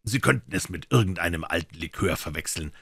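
A man's voice: sits low, animated, fairly quick, a bit bright, dry recording, studio quality, full character voice. A man voicing a suave, amiable and mocking male detective in a crime audiobook. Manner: smooth, amiable, ironic.

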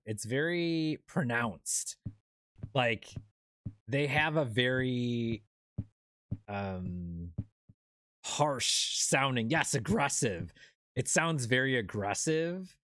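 Casting: young adult game streamer, rambling chat, lively pitch, dry close sound. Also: no room sound. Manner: rambling, many fillers and restarts. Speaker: streamer playing a horror game. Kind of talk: casual chat while gaming.

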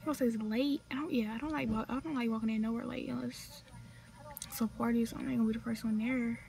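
A late-teen vlogger from North Carolina rambles casually into her phone camera while sitting outside, her Southern accent carrying lots of slang and side remarks. Her voice is a little high, steady and warm, with vocal fry, and she talks fast.

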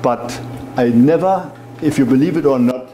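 A German wine merchant in his seventies, with a strong accent, reminisces in a rambling, conversational interview and keeps saying "you know." His voice is warm and mid-range at a moderate pace. The audio from the small indoor wine bar is dull and echoey, with faint background noise.

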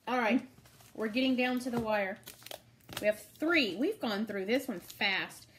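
A woman's voice: fairly high pitch, slow, slight background noise. A middle-aged woman hosting a casual snack-tasting video, chatting and laughing often. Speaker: vlog host.

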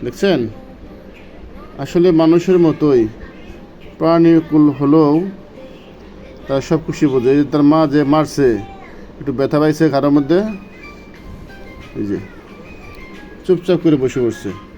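Man, pet vlogger, high-pitched, soft coaxing baby-talk to his kitten. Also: normal speed, pauses often, dull audio, faint music behind. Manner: coaxing, cooing baby-talk to a kitten, scolding and soothing in turns. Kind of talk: casual pet vlog, talking to kittens.

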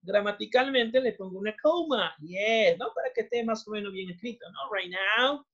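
A woman of medium pitch, with lively intonation and a breathy edge, speaks at a moderate pace while teaching an online English class. Her accent is Peruvian Spanish; she mixes the two languages and repeats praise, and the call audio sounds muffled.

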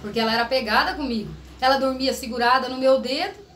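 A woman's voice: sits high, quick pace. A middle-aged Brazilian mother chatting casually on a family vlog, telling stories with lots of laughter and acting out voices. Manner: storytelling, laughs often, acts out quoted voices loudly. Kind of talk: casual chat. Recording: echoey home room with faint noise.

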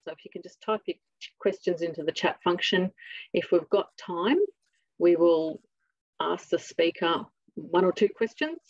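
A woman's voice: fairly low pitch, darkish tone, no room sound. Australian woman chairing an online session. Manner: friendly, informal, with fillers. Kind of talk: online conference introduction. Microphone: video call. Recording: dull, dry lo-fi audio.

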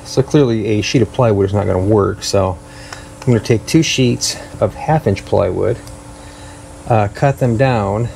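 Slight background noise accompanies a gravelly, low, darkish male voice speaking at normal speed. The speaker, a man in his fifties who builds hot rods and hosts the channel, narrates this casual workshop vlog with dry self-deprecation while working in his garage and along the roadside.

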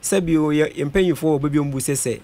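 Reciting vote figures at a boom-mounted studio mic, a young parliamentary aspirant from Ghana speaks in a blend of Twi and English during a radio studio interview. His voice is a bit high and mellow, and he talks quickly.

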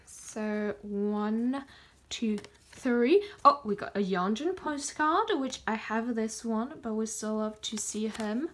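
A woman chatting casually as she unboxes photocards, gushing and excitable, gasping and counting down before each pull. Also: fairly high pitch, slow pace. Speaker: kpop collector vlogger.

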